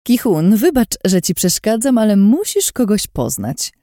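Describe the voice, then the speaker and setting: A woman's voice: medium pitch, big pitch swings, a little slow, mellow, dry recording, clean studio sound, voice pushed up. A woman voicing a sweet but scheming young woman who gives orders in an overly sweet, insistent tone. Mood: bright.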